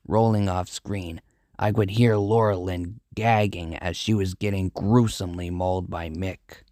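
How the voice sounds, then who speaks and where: A man narrating a first-person horror story in a measured, grim storytelling manner. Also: low-pitched, darkish tone, no room sound, studio quality.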